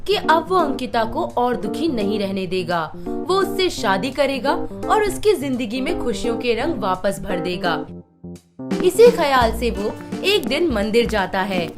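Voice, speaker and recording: Expressive woman storyteller. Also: on the high side, measured pace, loud music behind the voice. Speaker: narrator. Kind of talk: scripted story narration.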